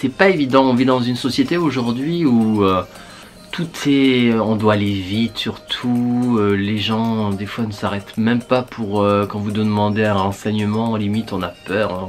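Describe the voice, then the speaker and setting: A man, a beauty vlogger, chatting casually to his viewers while putting on a face mask, thinking aloud with many fillers. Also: lowish voice.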